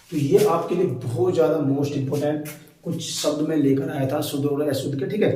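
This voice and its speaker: Echoey teacher far from the mic. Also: male voice, on the high side, dark tone. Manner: repeats checks like "ठीक है" and "है ना"; stretches words out slowly to spell them. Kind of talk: exam-prep lesson. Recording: very echoey room, far from mic, faint noise.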